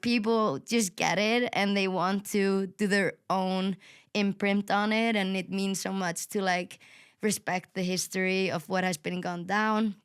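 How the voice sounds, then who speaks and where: A woman's voice: medium pitch, steady tone, a little slow, clear, resonant tone. A young woman hosting a podcast, talking enthusiastically and swearing casually. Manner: enthusiastic, swears casually, says "sick" a lot. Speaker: podcast host.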